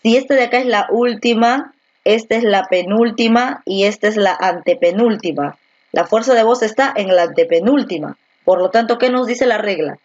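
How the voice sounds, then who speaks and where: A woman's voice: mid-range voice, darkish tone. Woman teacher online, patient, drags out words to show stress, kinda dull lo-fi sound. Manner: asks rhetorical questions to the student. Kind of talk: virtual class lesson.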